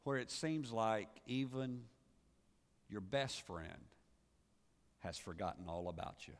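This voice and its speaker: A pastor preaching a sermon, swinging from loud rising calls to low, quiet endings. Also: male voice, expressive, slow pace. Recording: church sermon with long reverb.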